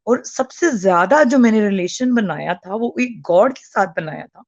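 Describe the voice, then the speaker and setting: A woman's voice: medium pitch, expressive, normal speed, no room sound, muffled recording. A woman in her forties phoning in as a caller over a call line, speaking earnestly with frequent hesitations and restarts. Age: 40s. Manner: hesitant, with many fillers and restarts.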